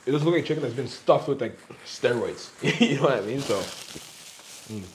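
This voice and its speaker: A man's voice: medium pitch, expressive, moderate pace, slight background noise. A young man hosting a podcast in casual chat, talking while he eats spicy wings, loose and joking with frequent laughs. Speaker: podcast host.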